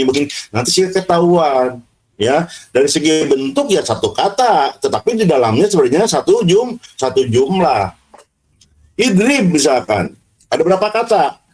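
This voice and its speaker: A male teacher with a high voice leads a grammar lesson, firing questions at his class and echoing their answers back. He drills terms by repeating them, and student voices chime in behind him. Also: a little mellow. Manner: quizzing, repeats words, prompts answers. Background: students answering in chorus.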